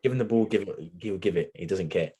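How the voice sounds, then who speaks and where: A man's voice: sits low, fast talker, a crowd in the background. A man co-hosting a podcast, telling stories emphatically in casual banter. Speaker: podcast co-host. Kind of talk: casual chat.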